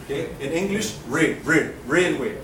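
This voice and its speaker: With a slightly high, animated voice at normal speed, an Egyptian instructor patiently demonstrates Quran recitation sounds and has his students repeat them. This classroom drill in a lecture hall is recorded from a distance, noisy and echoing.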